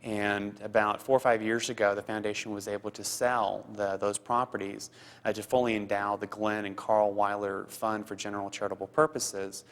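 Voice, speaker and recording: A man in his thirties who grew up in Costa Rica, a foundation program officer answering interview questions earnestly, halting with fillers and repeats. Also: lowish voice, flat delivery, a bit bright.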